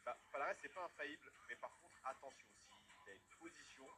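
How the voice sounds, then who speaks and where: Medium-pitched male co-commentator, halting phrasing. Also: noisy background. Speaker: expert co-commentator. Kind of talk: conversational fight analysis. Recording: music playing under the voice.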